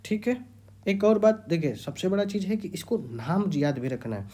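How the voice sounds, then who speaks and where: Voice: medium pitch, lively intonation, moderate pace, dark tone. A teacher giving an exam-prep grammar lecture, repeating key terms and quizzing the students.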